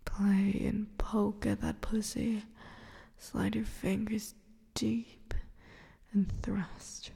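A woman voicing a predatory female succubus in an erotic audio roleplay, whispering nearly every line in a slow, taunting way. The voice is gravelly, breathy and dark, with a long hall reverb around it. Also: medium pitch, little pitch movement, full character voice. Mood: gloating taunt. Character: predatory teasing female succubus, cruel and gloating.

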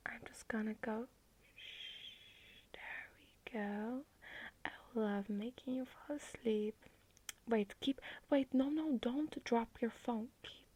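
A woman's voice: a little high, warm tone, husky, rough recording. A woman playing a whispering, clingy girlfriend. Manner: playful, clingy and affectionate. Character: doting, clingy young girlfriend. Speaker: roleplaying girlfriend on a video call. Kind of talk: ASMR girlfriend roleplay.

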